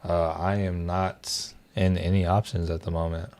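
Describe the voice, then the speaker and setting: This young livestream host has a deep, darkish voice with little pitch movement and a slightly slow pace. His casual chat with viewers drifts along, laden with fillers and restarts.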